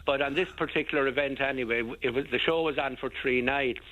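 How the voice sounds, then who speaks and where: A man's voice: medium pitch, fairly even intonation, fast talker, slight background noise. An older Irish man, a radio guest, recalling local history in casual, rambling talk with many restarts. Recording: dull band-limited radio sound.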